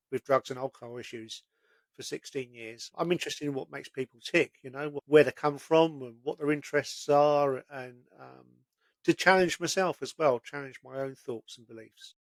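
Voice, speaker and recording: A man's voice: medium pitch, dry recording. A man, hosting a casual conversation and telling stories in a chatty, plain-spoken way.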